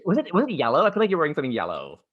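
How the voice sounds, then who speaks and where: A man's voice: on the high side, huge pitch swings, very fast, muffled recording. A man hosting a podcast in casual chat, telling stories eagerly and chattily. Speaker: podcast host.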